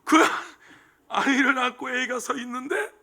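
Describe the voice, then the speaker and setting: A middle-aged male pastor preaching a sermon, telling a story with emotion and swinging from hushed asides to shouting. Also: very high voice, unhurried.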